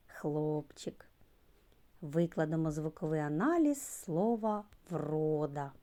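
A woman preschool teacher giving a slow literacy lesson to young children, stretching out sounds and key words. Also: low-pitched, dark tone. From Ukraine.

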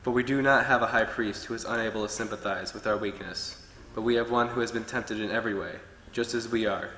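A man's voice: fairly low pitch, fairly even intonation, fast, sharp tone, slight background noise. A young man preaching a short sermon from a pulpit, earnestly reading from his notes. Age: young adult. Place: church hall with wood-paneled walls. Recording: echoey hall with long reverb.

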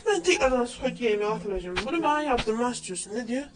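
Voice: medium pitch, expressive, fast talker. A gamer doing casual gameplay commentary, grumbling and cursing in loose slang with an exasperated manner. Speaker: gamer commentating own play.

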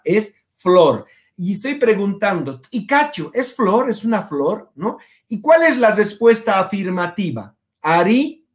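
Guy with a high voice teaching quechua online, slow and patient, keeps asking "ya?". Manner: patient, repeats words and checks understanding with "¿ya?"; pronounces Quechua words slowly, then translates. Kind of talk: online language lesson.

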